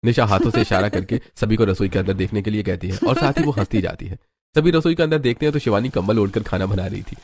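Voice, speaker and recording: A man's voice: on the low side, animated, quick pace, a little mellow, a little hiss or hum. A man narrating a cartoon story in a plain, scripted storytelling style.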